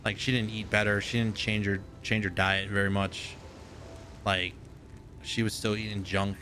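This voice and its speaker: A man's voice: lowish voice, level tone, moderate pace, bright, forceful tone, slight background noise. A man in his thirties streaming gameplay live, rambling and joking casually and swearing freely. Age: 30s.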